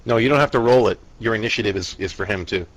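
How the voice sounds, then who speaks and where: Lowish voice guy being the dungeon master, casual halting narration of a fantasy game. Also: poor audio.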